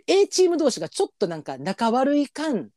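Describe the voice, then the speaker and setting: A woman's voice: high-pitched, wildly swooping pitch, brisk, mellow, no room sound, studio quality. A woman with a Kansai accent, co-hosting a podcast in casual, rambling chat full of fillers. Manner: chatty, rambling with many fillers. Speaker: podcast co-host.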